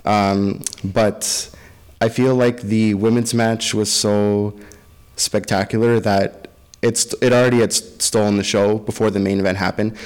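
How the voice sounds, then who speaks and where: A man's voice: fairly low pitch, flat delivery, measured pace, a little mellow, smooth. A man co-hosting a podcast, casually recapping and discussing wrestling in an echoey room. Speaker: podcast co-host.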